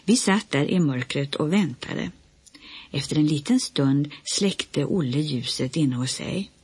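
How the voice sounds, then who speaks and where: A woman reading a children's book aloud in a gentle storytelling manner. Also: sits low, lively intonation, slightly rough, no room sound. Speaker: audiobook reader.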